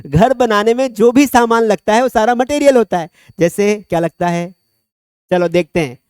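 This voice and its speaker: A male teacher, his voice sitting high for a man, lectures a classroom in a dry, close-miked sound. He chats, jokes and calls on students by name between points. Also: normal speed, a little mellow, clean tone, no room sound. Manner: chatty, joking, quizzes students by name. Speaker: English teacher.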